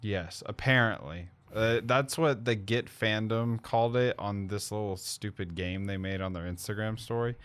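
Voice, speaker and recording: A man's voice: on the low side, moderate pace, hardly any pauses, a bit bright. A man hosting a casual movie review podcast, rambling and self-correcting with lots of fillers. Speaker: podcast host.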